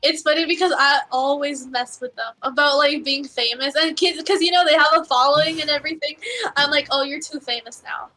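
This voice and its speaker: A woman's voice: sits high, steady tone, brisk, bright, forceful tone, soft background music. A woman guest on a casual talk show, giggly and teasing as she chats.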